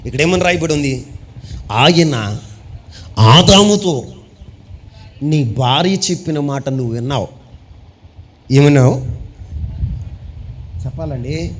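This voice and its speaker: A man's voice: mid-range voice, unhurried, pauses often. A man preaching a sermon, calling on the congregation to answer and repeating his lines. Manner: reads and quotes scripture, rising and falling in volume. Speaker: pastor.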